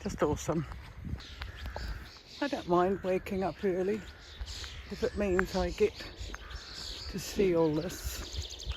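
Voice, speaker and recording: Out on a hilly rural road, a New Zealand woman with a fairly low voice talks easily to the camera in her hand as she walks. She's slightly out of breath, admiring and in no hurry, and the outdoor recording carries ambient noise.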